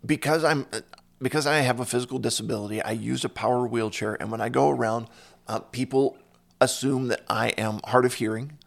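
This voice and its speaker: A man with a gravelly, creaky voice at a middle pitch, chatting casually as an interview host. He tells personal stories and lifts his voice when he quotes other people. He sounds like he is talking through a conversation rather than reading from a script. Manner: storytelling, animated when quoting people.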